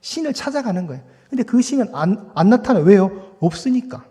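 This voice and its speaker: A man's voice: sits high, big pitch swings, a little fast, warm tone, big-room sound. A man preaching a Sunday sermon as pastor, talking with the congregation and asking them questions. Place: church sanctuary.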